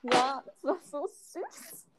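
A woman's voice: high-pitched, sing-song, slow, very noisy. A young woman in casual chat, dryly mocking and laughing at her friend. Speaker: podcast co-host.

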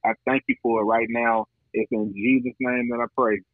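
A man's voice: mid-range voice, little pitch movement, moderate pace, dry recording. Man praying over a thin phone line. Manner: preacherly, insistent, repeating phrases for emphasis. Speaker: podcast guest, entrepreneur praying on air.

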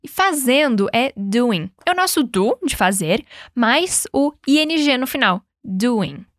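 A woman's voice: a little high, lively intonation, dry recording, studio quality. Upbeat Brazilian woman teaching English. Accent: Brazilian Portuguese. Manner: upbeat, coaching, models English words slowly then prompts. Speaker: English teacher and podcast host. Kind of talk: podcast language lesson with repeat-after-me drills.

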